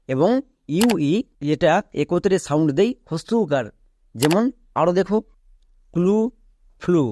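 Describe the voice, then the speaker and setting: A man's voice: on the high side, a little mellow, no room sound, studio quality. Man teaching English spelling rules. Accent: Bengali. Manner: asks and answers his own questions, repeats key words. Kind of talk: step-by-step classroom explanation.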